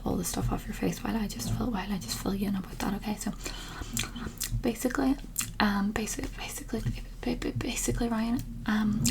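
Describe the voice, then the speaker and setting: A woman in an ASMR role-play, giving breathy ASMR personal attention close to the mic, with tingly mouth sounds and softly repeated words. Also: medium pitch, background noise. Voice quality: breathy unvoiced soft voice. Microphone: close-up ASMR microphone.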